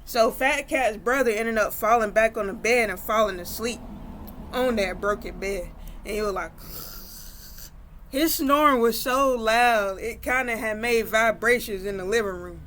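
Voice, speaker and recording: A woman's voice: a little high, measured pace, a bit bright, a little hiss or hum. Woman rambling through a casual story. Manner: rambling, with many fillers.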